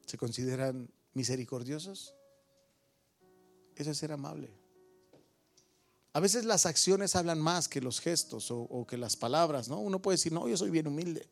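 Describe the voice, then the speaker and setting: A man's voice: fairly high pitch, animated, normal speed, gravelly, pauses often, soft background music. A middle-aged man with a Mexican accent preaching a sermon to his church, firing questions at the congregation and teasing listeners by name. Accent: Mexican Spanish. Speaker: pastor.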